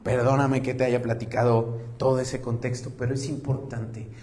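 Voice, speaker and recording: A male pastor preaching a sermon, retelling a story with lively rhetorical questions and touches of humor. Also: medium pitch, moderate pace.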